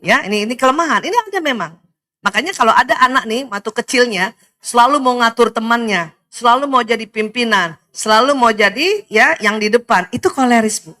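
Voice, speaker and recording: A middle-aged woman from Indonesia giving a lively religious talk to women, animated, often laughing and speaking straight to her listeners. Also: a little high, a little fast. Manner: animated, laughs often, addresses audience directly.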